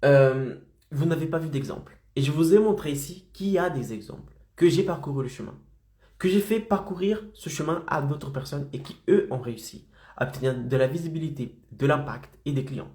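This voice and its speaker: A man with a slight head cold coaches freelancers in a motivational live stream, insistently checking in with "d'accord?" and "ok?" to keep people engaged. His fairly high voice is mellow and a little fast, with a roomy sound.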